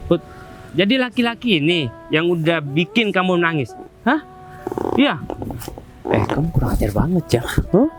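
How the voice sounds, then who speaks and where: A man's voice: high-pitched, animated, normal speed, pauses often, a bit bright, soft background music. A man playing a brash, jealous young rival. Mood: contemptuous. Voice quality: repeated challenging "hah?" after lines. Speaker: rival suitor. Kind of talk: low-budget web drama acting.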